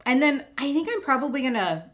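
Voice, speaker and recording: A woman's voice: sits high, expressive, brisk, background noise. A woman co-hosting a food taste test, chatting loosely with lots of filler words. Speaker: co-host of a food review show. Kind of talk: casual taste-test chat.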